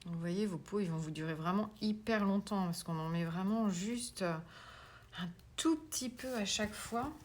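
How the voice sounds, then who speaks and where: A woman giving a casual craft tutorial. She talks chattily and drops into soft whispered asides as she works. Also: mid-range voice, normal speed. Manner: self-mocking, laughs at her own English pronunciation. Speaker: craft demonstrator.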